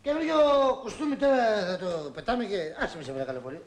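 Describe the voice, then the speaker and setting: An actor playing a fussy, excitable man who keeps protesting over his new suit in a comic film scene. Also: high voice, a little hiss or hum. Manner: whiny, flustered, protesting.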